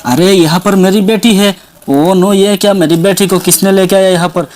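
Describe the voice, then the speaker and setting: Man doing a high, menacing village witch for a doll story; frantic, repetitive, threatening. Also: steady tone, normal speed, a little mellow, lightly acted. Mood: angry. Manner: frantic, repeated exclamations and threats. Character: menacing female village witch hunting her baby.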